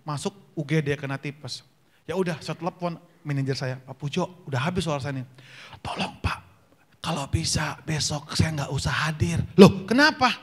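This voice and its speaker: A man from North Sumatra, with a high voice, preaches a joking testimony at a church prayer meeting. He tells his stories like a comic, jumping into other people's voices for the dialogue. His voice sounds a little worn. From North Sumatra, Indonesia. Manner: jokey storyteller, acts out dialogue with quick voice changes. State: slightly worn voice. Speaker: gospel singer and preacher. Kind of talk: humorous testimony sermon.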